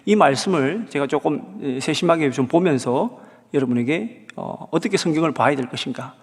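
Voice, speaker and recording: A male pastor preaching a sermon, talking in a lively way and asking the congregation rhetorical questions. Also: a little high. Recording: hall reverb.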